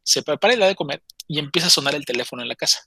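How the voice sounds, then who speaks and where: A man's voice: fairly high pitch, animated, racing, sharp tone, breathy edge, dry recording. A man casually telling a story, chatty and often stammering as he restarts his phrases.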